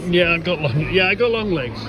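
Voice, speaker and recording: Speaking fairly quickly in a high-pitched, animated voice, this vlogger rambles through casual, chatty commentary, repeating himself and putting questions to his audience. Background music and crowd noise surround him as he moves from a city street into a packed theatre auditorium.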